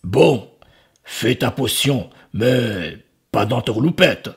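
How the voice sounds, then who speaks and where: A man reading a children's story, voicing a big greedy male ogre with a slow, deep, grumbling growl. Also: expressive, gravelly, breathy edge, soft background music, exaggerated voice.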